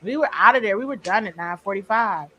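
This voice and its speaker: A woman's voice: mid-range voice, expressive, a little fast, pushed and bright. A woman guest in a casual sports chat, speaking in a playful, self-mocking, giggly way.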